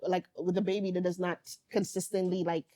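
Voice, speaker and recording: A woman hosting a casual talk show, chatty and animated, with a slangy style and frequent laughter. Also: fairly low pitch, brisk, no room sound. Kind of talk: casual chat.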